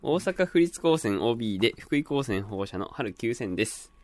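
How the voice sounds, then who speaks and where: A man's voice: mid-range voice, animated, moderate pace, no echo. A young man hosting a student radio English show, chatting playfully and reading listener mail aloud. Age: young adult. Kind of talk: casual radio chat.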